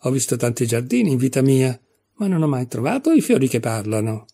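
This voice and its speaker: Storybook Alice, a curious polite girl, read by a man, raised voice, husky, earnest questions. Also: mid-range voice, sing-song, brisk, dark tone.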